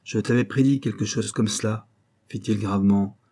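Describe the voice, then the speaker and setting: A man voicing a wily old male bailiff's clerk in an audiobook, speaking gravely and paternally in a low, mellow voice. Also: steady tone, normal speed, lightly acted.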